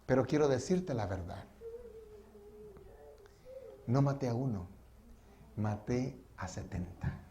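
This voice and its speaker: A male preacher voicing a guilt-haunted former soldier who pleads and shouts in desperation. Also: medium pitch, expressive, takes it slowly, pauses often, slight background noise, voice pushed down. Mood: grim confession.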